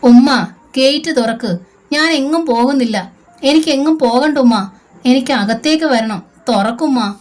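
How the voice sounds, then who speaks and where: A woman voicing a terrified young woman who pleads through tears in a high voice. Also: a little slow, warm tone, lightly acted. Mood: sobbing.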